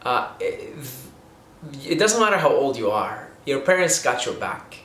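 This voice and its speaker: A young man from Syria gives money tips to camera at a measured pace, his medium-pitched, fairly bright voice swinging widely in pitch. He's earnest and rambling, often restarting and adding "okay?". The echoey room carries a little hiss or hum.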